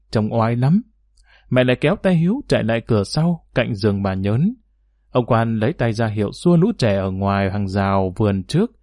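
A man narrating a novel as an audiobook, reading in an expressive storytelling manner. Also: medium pitch, no room sound.

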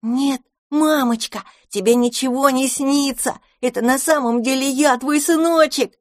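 A woman voicing a cheerful, eager little boy kitten in a storybook, squealing with excitement. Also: on the high side, normal speed, dry recording, studio quality, pitched above the performer's own voice, close to an everyday voice. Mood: joyful.

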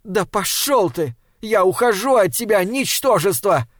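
Man putting on a high shrill young woman, furious and scornful, loud, dry close sound. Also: animated, moderate pace, no echo, close to an everyday voice. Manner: screaming insults, sneering.

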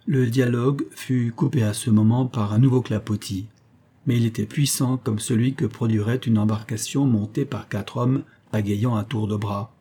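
A man narrating an audiobook with a husky, mellow voice. He keeps his reading steady and even from sentence to sentence. His low-middle pitch stays relaxed and warm. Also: normal speed. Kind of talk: scripted narration.

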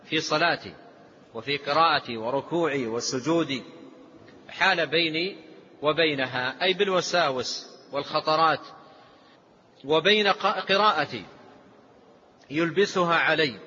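Bright, tense-voiced man lecturing in a hall. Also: on the high side, slight background noise. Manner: repeats and restates phrases while explaining. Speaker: sheikh teaching a lesson. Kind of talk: explaining a text in a lecture. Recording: echoey hall, dull lo-fi sound.

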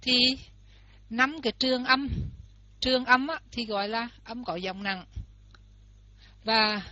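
Woman explaining a lesson step by step, bright higher voice, muffled lo-fi sound. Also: slow, no echo. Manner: explains step by step, repeats example words aloud. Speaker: teacher. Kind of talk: lesson on Pali pronunciation. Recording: dull lo-fi recording.

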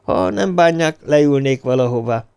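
A man reading an audiobook, voicing a frightened young male student who shouts and strains his voice. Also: medium pitch, expressive, clean tone, pitched above the performer's own voice, close to an everyday voice. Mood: shaken.

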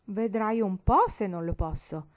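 Una donna che legge dà voce a una bambina prepotente e sfacciata, con tono canzonatorio e saccente. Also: female voice, mid-range voice, expressive, a little slow, lightly acted. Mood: bossy. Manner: teasing, self-important. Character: bossy cheeky little girl. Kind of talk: audiobook reading.

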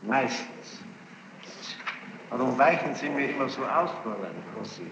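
In a large, reverberant courtroom, a man with a mid-range voice and vocal fry formally questions a witness, speaking expressively at a moderate pace. He is insistent and probing, often repeating answers back, and the archival tape is muffled, noisy and echoey.

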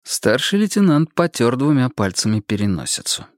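Expressive male audiobook narrator. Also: mid-range voice, normal speed, no echo, studio quality. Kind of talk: scripted narration.

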